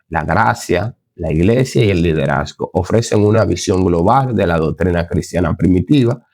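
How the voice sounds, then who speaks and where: Low-voiced guy doing a bible class, earnest, trips over words, dry close mic. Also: darkish tone, no echo. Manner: earnest, exclaims "Gloria a Dios", stumbles and corrects himself. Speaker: Bible teacher. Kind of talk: recorded Bible lesson.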